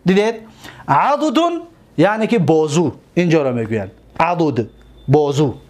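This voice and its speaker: A man with a Tajik accent leads a grammar lesson, asking his students questions and answering them himself. His voice sits high and swings widely up and down, and he slows right down to stretch out the words he drills. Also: very animated, a little mellow. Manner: drawn-out slow repetitions of words, questions to students. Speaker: religious school teacher.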